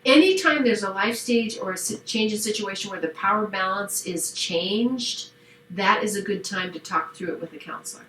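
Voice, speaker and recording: A woman's voice: mid-range voice, moderate pace, fairly bright tone. A woman with grandchildren who works as a marriage counselor, co-hosting a podcast and explaining things in an affirming, good-humored way. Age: middle-aged or older, has grandchildren. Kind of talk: casual chat. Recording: echoey room with faint ambient noise.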